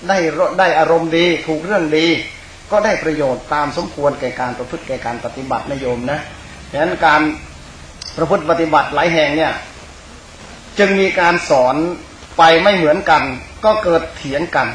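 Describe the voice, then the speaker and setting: A man's voice: fairly high pitch, normal speed, fairly bright tone. A man, a Buddhist monk and teacher, giving an informal Dhamma sermon in a conversational, rambling way, speaking directly to his listeners. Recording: echoey room, clear background hiss.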